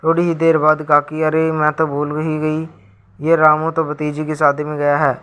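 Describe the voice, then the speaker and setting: A man doing a sharp old village granny, scolding, bright flat tone. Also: a little high, moderate pace, smooth, lightly acted. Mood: complaining. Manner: scolding, complaining.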